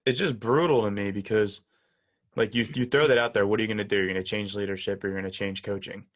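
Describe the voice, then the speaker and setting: A man's voice: on the low side, fairly even intonation. A man co-hosting a sports podcast, chiming in casually and agreeing with his partner. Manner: quick agreeable interjections. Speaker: podcast co-host.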